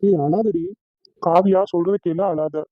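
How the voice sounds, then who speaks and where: A woman's voice: fairly low pitch, fairly even intonation, measured pace, dry recording. A woman voicing a cheeky young man who teases playfully, in a cartoon. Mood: coaxing. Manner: playful, teasing. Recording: tinny phone-like dry sound.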